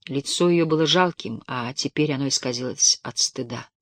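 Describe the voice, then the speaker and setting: A narrator reads a classic novel aloud in a measured, expressive storytelling voice of middle pitch. The recording is dry and close, with no room sound. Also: no echo. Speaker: audiobook narrator. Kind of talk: dramatic audiobook narration.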